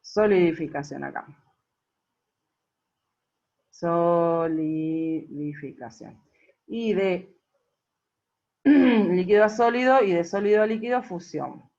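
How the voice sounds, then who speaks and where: A woman's voice: medium pitch, expressive, slow pace, gravelly, pauses often, warm tone. A woman teacher explains a worksheet patiently, checking in often with the class. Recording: dull lo-fi recording.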